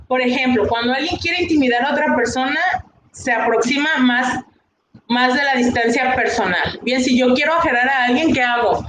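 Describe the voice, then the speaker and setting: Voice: medium pitch, fairly bright tone. Mexican class teacher, recorded online lecture, patient explainer; echoey room, faint background hum. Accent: Mexican Spanish. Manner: explanatory, frequent "bien" and "eh" fillers, rhetorical questions.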